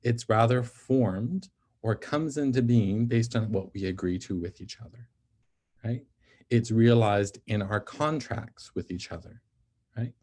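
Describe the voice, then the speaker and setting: A man with a fairly low, mellow voice lectures on ethics in a steady, explanatory way. He pauses often to check in with his listeners, asking whether they follow before moving on. The delivery is patient and methodical. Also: slightly rough. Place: NICU physician.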